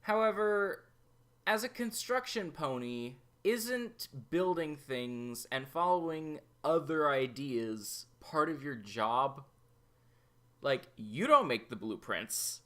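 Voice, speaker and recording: Hosting a review show, a man talks through an episode. His pitch is bright and lively, but he moves slowly, setting out each opinion with deliberate care.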